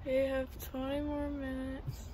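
A young woman gives casual vlog updates. Her voice sits high, and she talks informally into a phone held at arm's length. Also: monotone, a little slow, background noise. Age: young adult. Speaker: vlogger.

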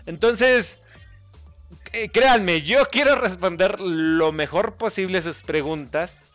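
Rambling man, high voice. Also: slow pace, a bit bright, faint music behind. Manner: rambling, corrects viewers' spelling, chuckles often. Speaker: YouTube gamer and channel host. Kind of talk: casual screen-recording tutorial.

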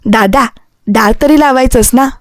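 Woman reading a shy young wife, soft and earnest, fairly high voice. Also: measured pace, no room sound. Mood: light. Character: young married woman, shy and worried student.

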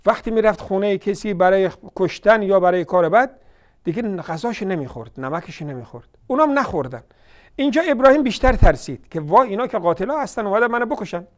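Guy with a high voice doing a heated tv religion lecture, scolds and mocks, slows way down for scripture. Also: lively intonation. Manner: heated, scolding and mocking, loud bursts then quiet asides; recites scripture slowly and deliberately.

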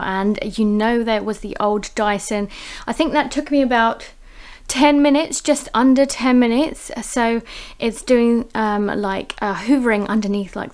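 A woman's voice: a little high, a little mellow, smooth. A woman in her thirties chatting casually to a handheld camera in her living room, rambling with lots of fillers. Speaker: home vlogger. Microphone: handheld camera at arm's length.

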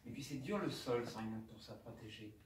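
A man, a doctor, gives a personal testimony talk at a conference, speaking haltingly with aphasia and often repeating his words. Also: mid-range voice, background noise. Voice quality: speech marked by aphasia. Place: conference room. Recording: roomy hall, distant mic, faint ambience.

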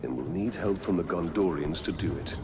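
An actor playing a resolute, sombre ranger hero in a fantasy game, firm and grim. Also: male voice, sits low, expressive, brisk. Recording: game audio with noisy ambience.

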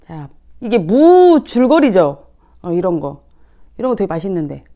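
A woman's voice: medium pitch, big pitch swings, moderate pace, mellow. A woman hosting an eating show, chatting casually to viewers with playful, self-teasing asides. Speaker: mukbang host.

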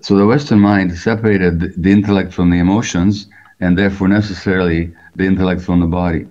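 An older man who grew up in Hungary, a physician answering interview questions over a video call in a measured, explanatory way, often posing rhetorical questions. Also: low-pitched, steady tone, a little mellow. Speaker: physician and author. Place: indoor room at home. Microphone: video call webcam. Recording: dull lo-fi video call audio.

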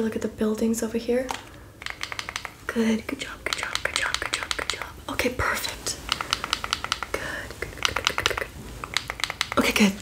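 A woman in her twenties doing a fast ASMR ASMR role-play as an encouraging beauty and photo professional, repeating short phrases up close. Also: fairly high pitch, noisy background, lightly acted. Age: 20s. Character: brisk, encouraging female makeup artist, photographer and spa worker. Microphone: close, facing the camera.

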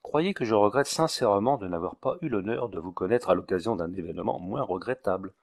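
A man's voice: lowish voice, animated, fairly quick, gravelly, darkish tone. Man reading a fussy, wordy village doctor. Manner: wordy, ceremonious, preachy. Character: fussy, long-winded village doctor, middle-aged man.

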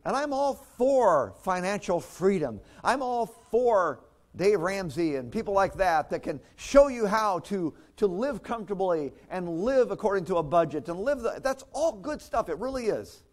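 A man's voice: high voice, very animated, normal speed. A man preaching a sermon as pastor, in a conversational way with chuckles and restarts.

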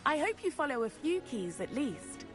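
A woman's voice: sits high, moderate pace, soft background music. An eager young schoolgirl. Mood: encouraging. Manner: eager, chatty and excitable. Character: cheerful young female castle student. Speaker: game character.

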